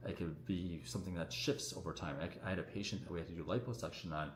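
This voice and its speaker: A man, a doctor, answering viewer questions on a casual livestream in a relaxed, chatty way full of fillers, his voice echoing around the room. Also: low-pitched, fast talker. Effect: echoing room sound on the stream. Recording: echoey room audio on a livestream.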